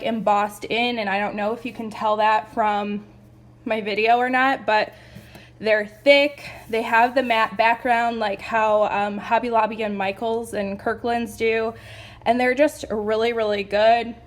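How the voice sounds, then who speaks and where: A young woman chatting excitedly through a home decor haul, gushing and a little out of breath. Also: a little high, a little slow. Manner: gushing, chatty, lots of "like" and "you guys". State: a bit out of breath. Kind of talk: casual haul video.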